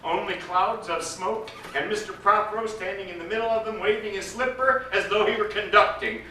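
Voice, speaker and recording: Before a live gathering, an actor gives a theatrical storybook recital, lingering on phrases in a high, sharp voice that keeps a steady tone and moves a bit fast. It's a roomy, echoey live recording made from a distance, with slight noise.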